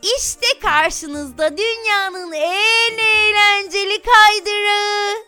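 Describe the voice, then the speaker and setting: A woman voicing a lively young girl leading her friends, in a high, sing-song child voice. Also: extremely slow, soft background music, exaggerated voice. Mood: playful.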